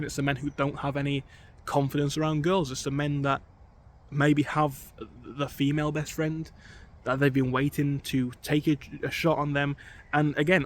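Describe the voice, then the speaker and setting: A man's voice: mid-range voice, slight background noise. A young man talking earnestly to camera in a casual vlog outdoors on a bike ride, often repeating words as he thinks aloud. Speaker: vlogger.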